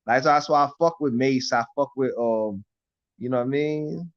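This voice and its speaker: A man's voice: medium pitch, moderate pace, dull audio. A man with a New York accent mixed with Florida, chatting casually with his live-stream audience in loose street slang, cursing a lot and repeating "you know what I mean.". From Harlem, New York. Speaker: live-stream host answering chat. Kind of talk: casual chat.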